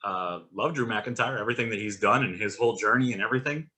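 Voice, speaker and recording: A man's voice: on the low side, quick pace, sharp tone. A man co-hosting a podcast in casual chat, giving blunt and exasperated opinions. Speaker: podcast co-host. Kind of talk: casual chat about wrestling.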